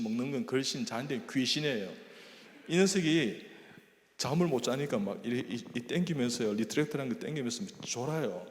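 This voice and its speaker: An older man, a church elder, telling a personal testimony as a sermon and acting out the dialogue in his stories. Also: medium pitch. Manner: storytelling, acting out quoted dialogue, breaks into hymn singing. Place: church sanctuary. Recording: echoey church hall.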